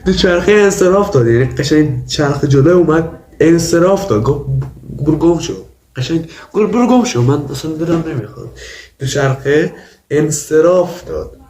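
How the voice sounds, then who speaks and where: A man's voice: on the high side, expressive, a little mellow, echoey room, slight background noise. A young man with a cold, chatting through a try-not-to-laugh reaction video and insisting the clips aren't funny. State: has a cold. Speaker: YouTuber.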